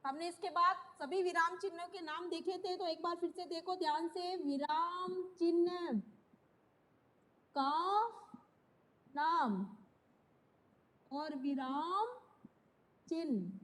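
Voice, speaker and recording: Slow, high-voiced woman teaching a lesson. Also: a bit bright. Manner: slow, repeats key phrases and asks questions. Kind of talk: classroom lesson.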